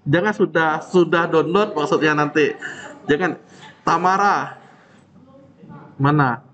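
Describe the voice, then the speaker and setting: A man with a fairly high voice calls out names in a classroom at an unhurried pace, teasing his students now and then. The recording is dull and lo-fi. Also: a bit bright. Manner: casual, teasing, checks each student one by one. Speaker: teacher. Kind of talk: classroom roll call.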